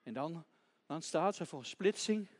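A man gently narrating a children's Bible story, dropping to a hush at tense moments. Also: on the high side, animated, normal speed.

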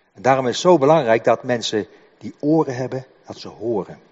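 An older man delivers a sermon in a church hall, his husky voice trailing into a long reverb. He speaks haltingly, repeating words as he works through his explanation. The recording is dull and muffled. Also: medium pitch, a little mellow. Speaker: preacher.

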